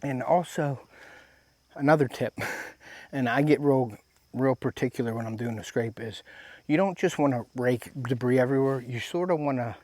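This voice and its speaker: A man giving a casual, folksy step-by-step hunting demonstration outdoors while he works, with a tractor rumbling in the background. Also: moderate pace, a little mellow, dry recording. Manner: folksy, talks while working with his hands. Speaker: hunting how-to presenter. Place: outdoors in the woods. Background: tractor rumbling nearby.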